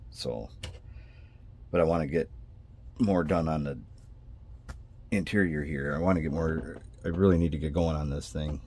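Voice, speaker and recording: A man with a son rambles through a vlog about scale model building, his voice rumbling low and dark at a moderate pace, with long pauses and slight background noise. Sinus congestion makes him sound nasal, and he has a twang. He keeps stopping himself, apologizing and beginning again.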